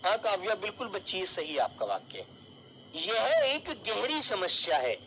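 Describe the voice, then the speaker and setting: A man's voice: high voice, huge pitch swings, normal speed, bright, forceful tone, a little hiss or hum, low-quality recording. A male teacher giving an online exam-prep lesson, calling his students child and dear and explaining with everyday examples.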